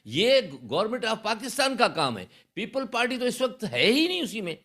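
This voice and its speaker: A man's voice: extremely high pitch, sing-song, a bit bright. A man speaking as an election candidate in an interview, assured and persuasive. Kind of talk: interview answers.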